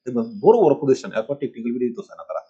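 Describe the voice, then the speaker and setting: A man's voice: medium pitch, very fast, mellow, husky, dull audio. A middle-aged man from Bangladesh teaching a rambling computer tutorial, asking rhetorical questions as he goes. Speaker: computer course instructor. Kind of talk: screen-recorded computer tutorial. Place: village home.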